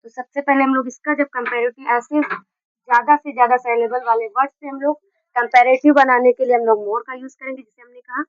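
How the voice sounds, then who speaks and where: Woman, grammar lesson, slightly high voice, slow word-by-word dictation, dry lo-fi recording. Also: fairly even intonation, dry recording. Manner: slow, drawn-out dictation of English example sentences; explains step by step with many restarts. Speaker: English grammar teacher. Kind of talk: Hindi video lesson on grammar.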